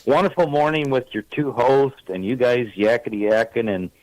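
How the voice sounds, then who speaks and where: A man in his sixties calls in to a radio show, his medium-pitched voice animated and darkish at a moderate pace, in a rough recording with no echo. He chats casually, telling long, rambling stories packed with fillers.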